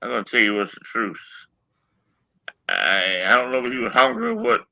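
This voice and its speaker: A man's voice: mid-range voice, wildly swooping pitch, moderate pace, gravelly, sharp tone, no echo, muffled recording. A man on a sports panel chatting casually in a folksy, plain-spoken way. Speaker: wrestling show panelist.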